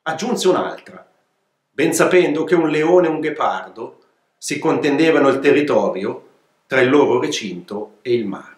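Lively man reading a children's story. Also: mid-range voice, normal speed. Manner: expressive, playful storyteller. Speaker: author reading his children's book. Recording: echoey room.

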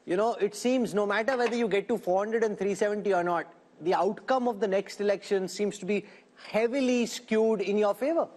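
A man with a high-pitched voice and a North Indian accent anchors a live panel debate. He addresses guests directly with a playful, teasing edge, as a television host does. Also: a little fast, a little mellow.

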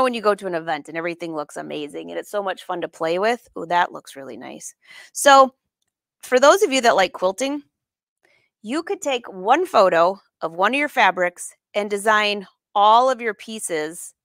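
Hosting a live sewing lesson from an indoor studio, this middle-aged woman has a mid-range, somewhat bright voice, captured in a dry, studio-quality recording. Her casual craft demo is chatty and relaxed, and she regularly asks her viewers questions.

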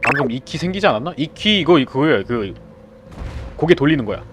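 A young male game streamer gives live commentary on a horror game, chatting to teammates and yelping and shouting excitedly when startled. His voice is mid-range and fairly quick, with slight background noise.

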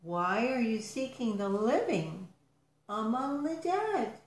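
A woman voicing a solemn angel who proclaims with drawn-out words. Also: on the high side, very animated, reverberant. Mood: announcing. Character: solemn angel at an empty tomb.

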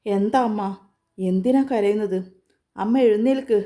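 A woman's voice: medium pitch, measured pace, warm tone, lightly acted. A woman voicing an anguished young woman in love. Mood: worried. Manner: pleading, emotional.

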